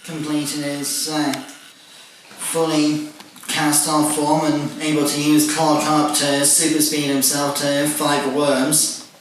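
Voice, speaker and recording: A man talks through a toy review in a level, fairly high voice that barely rises or falls. He works methodically through each feature and tacks on "and whatnot". He sits well back from the mic in a very echoey room, with faint noise underneath. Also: completely flat delivery, takes it slowly, recorded from a distance. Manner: methodical, listing details with "and whatnot". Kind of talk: casual toy review walkthrough.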